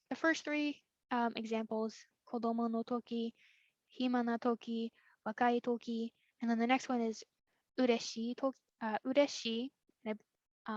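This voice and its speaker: A woman's voice: fairly high pitch, dry recording. A young woman explaining a lesson in a casual, hesitant way, full of likes and ums and hedges. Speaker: student tutor. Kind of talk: casual recorded study lesson. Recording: dry, dull lo-fi sound.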